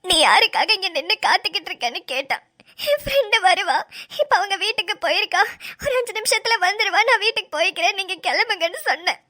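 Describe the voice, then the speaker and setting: A woman's voice: very high voice, very animated, quick pace, bright, forceful tone, heavily acted. A woman voicing a tearful young woman in a cartoon, crying as she talks. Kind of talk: cartoon voice acting.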